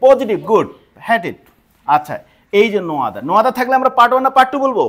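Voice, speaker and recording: A male teacher giving a classroom grammar lesson, posing questions to the class and answering them himself, reading the board's examples slowly. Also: extremely high pitch, very animated, fairly bright tone.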